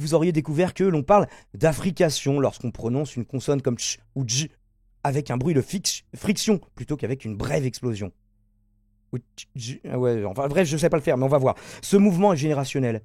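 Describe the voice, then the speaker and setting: A man with a fairly high voice, delivering sarcastic press-review commentary with lively asides. His voice is recorded close and dry, with no room sound. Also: no room sound. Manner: sarcastic, animated, jumps from reading to asides. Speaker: political commentary host.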